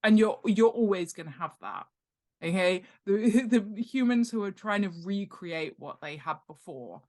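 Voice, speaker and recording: This unhurried, mid-range voice belongs to a middle-aged woman appearing as a guest author who specializes in world-building. Her explanations are casual but emphatic and lively, and she keeps asking "right?" or "okay?" to make sure the listener follows.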